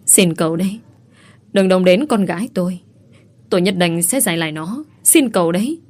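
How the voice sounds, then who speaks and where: A woman's voice: fairly low pitch, moderate pace, a little mellow, natural voice. A woman voicing an elderly mother who scolds and laments, in a reproachful, wailing way. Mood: pleading.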